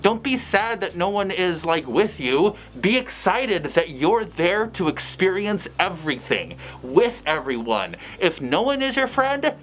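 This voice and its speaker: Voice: medium pitch, sing-song, measured pace, few pauses, a bit bright, a little hiss or hum, poor audio. A fursuiter giving blunt, chatty advice in a casual vlog, speaking through a costume head. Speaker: fursuiter vlogger.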